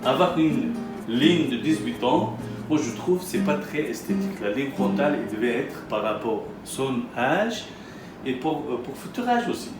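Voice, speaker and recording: With a mid-range voice and lively intonation, a male doctor whose first language isn't French presents a patient as a hair transplant surgeon. He explains and interviews in halting, repetitive French, in an echoey room filled with loud guitar music.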